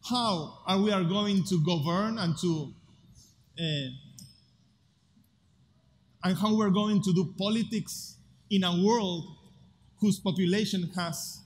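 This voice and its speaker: Speaking in a big festival hall, a high-voiced Argentine man delivers a conference talk as a speaker at a future festival; Spanish is his native language and his accent is Argentine. His manner is earnest and deliberate, marked by rhetorical pauses. The live hall carries long reverb with faint ambience and slight background noise.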